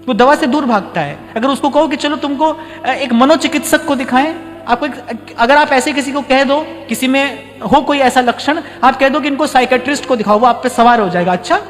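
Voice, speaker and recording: High-pitched man preaching in a hall. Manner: conversational, repeats key lines for emphasis, stretches words slowly. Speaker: spiritual teacher giving a discourse. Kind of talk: devotional sermon. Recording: reverberant hall with faint music.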